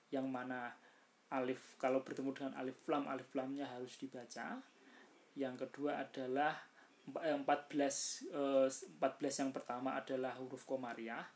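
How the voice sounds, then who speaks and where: A man teaching recitation rules in a casual lesson, chanting example words slowly and louder, with many hesitant fillers as he explains. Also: mid-range voice, a little hiss or hum.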